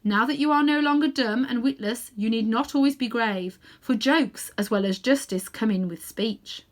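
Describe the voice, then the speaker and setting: A woman voicing a strong, majestic male lion ruler, speaking in a solemn, measured, commanding way for a storybook. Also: a little high, natural voice. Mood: encouraging.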